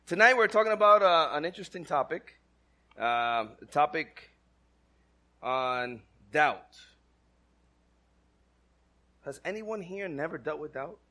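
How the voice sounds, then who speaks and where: A church speaker from the Dominican Republic, speaking English with a Dominican Spanish accent, gives a casual sermon with a medium-pitched, pushed and bright voice. He keeps it conversational, quizzing the congregation and poking fun at himself.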